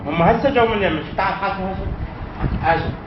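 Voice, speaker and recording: A man's voice: sits high, very fast, natural voice. A man with an Iraqi accent playing a distressed, confused caller looking for a sick relative over the phone, rambling and pleading. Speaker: prank caller. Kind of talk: prank phone call. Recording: dull, echoey phone call with faint noise.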